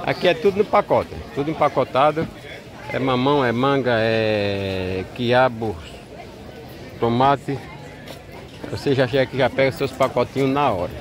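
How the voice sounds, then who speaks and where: A vlogger with a Northeastern Brazilian accent and a mid-range voice walks a crowded outdoor street market, chatting easily and greeting vendors warmly. The relaxed narration is captured on a handheld camera mic, with market chatter behind him.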